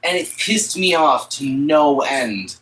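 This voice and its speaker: A man's voice: on the high side, expressive, slow, fairly bright tone, slight background noise, rough recording. A young man streaming casual chat outdoors on a phone while walking home, rambling with lots of "like" and "you know".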